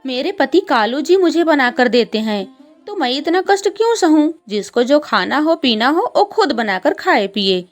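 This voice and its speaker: Woman voicing a snippy lazy young bird bride for a cartoon, high and fast, soft music under it. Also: very animated. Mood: rude. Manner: rude, dismissive, quick. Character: bossy lazy young daughter-in-law bird.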